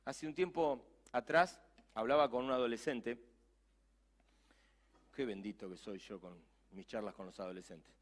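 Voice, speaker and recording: A middle-aged man with a Rioplatense accent preaching a sermon as pastor, animated, swinging between hushed asides and loud exclamations, acting out dialogue. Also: mid-range voice, measured pace, long pauses. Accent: Rioplatense Spanish. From Argentina.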